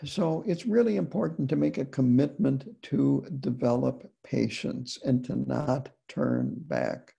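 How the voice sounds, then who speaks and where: A man from the United States giving a dharma talk as a Buddhist teacher, unhurried and deliberate, with frequent pauses. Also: medium pitch, vocal fry, warm tone, slightly rough, highs cut off.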